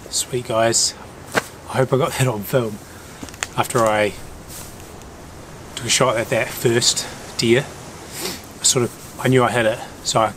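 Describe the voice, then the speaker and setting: A hunting vlogger with a broad New Zealand accent talks casually and laid-back to the camera outdoors among bush and hilltops. His voice is medium-pitched and a bit bright, with noisy outdoor ambience around him.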